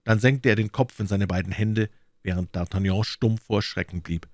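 A man narrates a classic novel in a very deep voice. His reading is measured and even, recorded dry and close with no room sound. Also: no echo. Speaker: audiobook reader. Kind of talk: audiobook narration.

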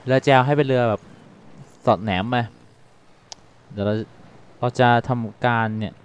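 A man hosting a let's-play, talking quickly and casually as he thinks aloud and reads out game text. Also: mid-range voice, clear, resonant tone, lo-fi sound. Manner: translates game text on the fly. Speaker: gaming channel host.

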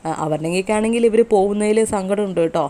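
A woman's voice: medium pitch, fast, warm tone. A woman chattily retelling the latest episode of a TV serial in a casual, conversational way. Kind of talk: casual spoken episode recap.

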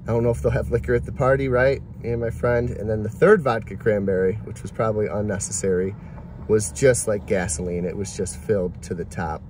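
A man's voice: fairly low pitch, fairly even intonation, fairly quick, a little mellow, a little hiss or hum. A man in his forties talking candidly to a phone camera from inside his car, reflective and rambling. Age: 40s. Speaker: delivery driver vlogger. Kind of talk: casual reflective vlog talk. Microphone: phone camera at arm's length.

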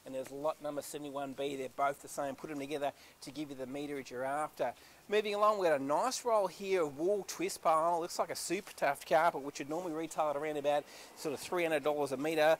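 A man's voice: a little high, slight background noise. A man walking through a warehouse, talking up auction stock in chatty, upbeat sales patter. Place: carpet warehouse, indoors. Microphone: handheld camera, filming while walking.

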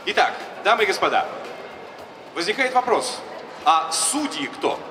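On a large exhibition hall stage, a middle-aged male ceremony host makes formal announcements in short phrases through a handheld mic over the PA. His high voice swings widely in pitch and runs a little slow. The sound is echoey and distant, with music and other background noise behind him.

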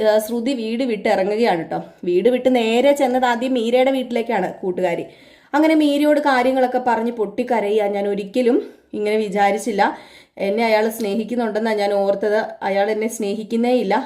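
A woman tells a TV story to her channel's viewers in an easygoing, rambling way, stopping and restarting often and leaning on little fillers. Her voice sits a bit high and sounds soft and mellow rather than bright. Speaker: YouTube host recapping a TV serial. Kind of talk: casual chatty storytelling recap.

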